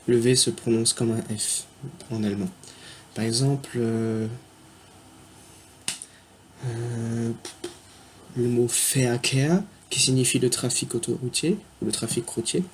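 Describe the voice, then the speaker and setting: A man teaching beginners, thinking aloud as he goes and spelling letters out one by one. His voice sits at an ordinary middle pitch. A faint hiss of noise runs underneath. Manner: spells letters and words aloud slowly, with frequent hesitations. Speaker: language teacher. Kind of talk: unscripted video lesson.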